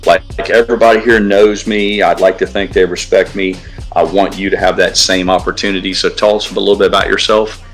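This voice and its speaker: This livestream co-host talks fairly quickly in a low voice with little pitch movement, ranting in a blunt and profane way during casual stream chat. Faint music sits in the background.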